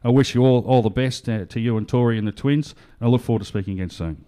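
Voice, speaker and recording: A man's voice: medium pitch, fast, warm tone, clear, resonant tone. A blokey, jovial Australian man hosting a casual radio show. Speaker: radio host.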